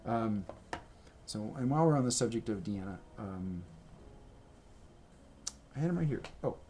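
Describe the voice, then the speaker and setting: A video creator talks casually to his camera mic indoors at home, rambling, chatty and correcting himself as he shows things off. His voice sits fairly low, with lively intonation, a measured pace and a warm tone, plus a little hiss or hum in the recording.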